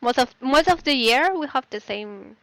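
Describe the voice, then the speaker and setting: A woman from Chile with a Chilean Spanish accent, a guest in a casual interview, speaking softly and hesitantly as she searches for words in English. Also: sits high, expressive, normal speed, dry recording, poor audio. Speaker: guest artist.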